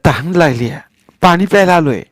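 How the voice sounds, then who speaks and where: Nervous stammering village boy, pitched up high, voiced by a male storyteller, dry close storybook reading. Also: lively intonation, a little fast, dry recording. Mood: anxious. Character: scared young village boy.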